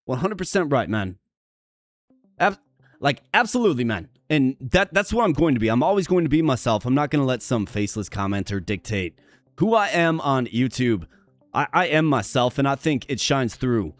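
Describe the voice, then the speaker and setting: In a live stream with no echo, a male gamer with a mid-range voice speaks very animatedly at normal speed. He chats casually and cheerfully with his viewers, though he sounds strained and worn, now and then stuttering and repeating words.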